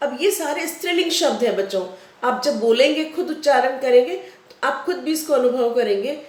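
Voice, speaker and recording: A woman's voice: high voice, normal speed, roomy sound. A woman schoolteacher giving a patient grammar lesson to children, repeating rules and examples. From India. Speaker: school teacher.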